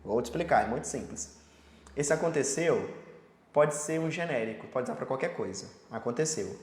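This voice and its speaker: A man teaching sign language in a casual lesson, explaining patiently with everyday examples and slowly repeating each sign word, with a Brazilian Portuguese accent. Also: medium pitch, lively intonation, a little mellow. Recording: roomy echo with long reverb.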